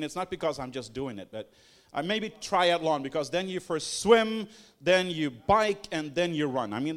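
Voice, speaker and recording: A man giving a sermon-style teaching, talking in an emphatic, rhetorical way with lots of repetition. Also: on the high side. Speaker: preacher.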